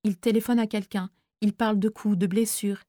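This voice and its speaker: A woman reading a first-person audiobook in a quiet, weary, intimate manner. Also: mid-range voice, steady tone, moderate pace, no room sound, clean studio sound. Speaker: audiobook narrator.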